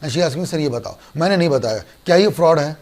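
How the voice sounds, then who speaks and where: An Indian man lectures on law to an online class in an animated way. He keeps switching into little scenes, playing both himself and his students. His voice sits slightly higher than most men's. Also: fairly quick. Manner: animated, acts out student dialogues.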